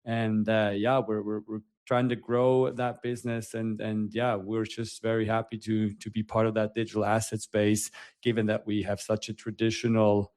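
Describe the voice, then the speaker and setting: A man's voice: lowish voice, flat delivery, normal speed, a little mellow, dry recording. Man, earnest guest. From Switzerland. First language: Swiss German. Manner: earnest, searching for words, many fillers. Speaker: panel guest, investment manager. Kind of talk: casual self-introduction. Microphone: remote audio call.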